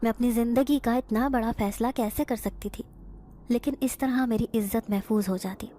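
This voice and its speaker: Woman storyteller, emotional first-person horror narration, slightly high voice. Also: fairly even intonation, mellow, slight background noise.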